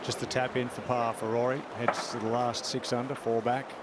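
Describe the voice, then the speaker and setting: A man's voice: medium pitch, little pitch movement, normal speed. A man giving live golf commentary, describing shots and standings as they happen. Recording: noisy outdoor broadcast with crowd. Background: loud crowd and outdoor noise.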